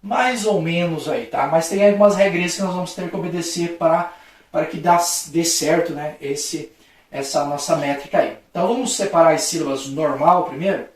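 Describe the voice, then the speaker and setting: A man's voice: a little high, normal speed, distant mic. Brazilian man, friendly schoolteacher at a board, recorded in a strongly echoing room a few steps from the mic. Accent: Brazilian Portuguese. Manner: friendly, with frequent checking "tá?" tags; acts out a playful street-shouting example for stress. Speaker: teacher. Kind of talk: recorded video lesson at a board.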